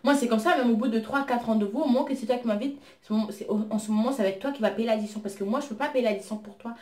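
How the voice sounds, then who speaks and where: A woman's voice: on the high side, fast. French-speaking woman telling a story in a roomy echo. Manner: lively, indignant retelling of her own exchanges. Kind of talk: casual storytime chat.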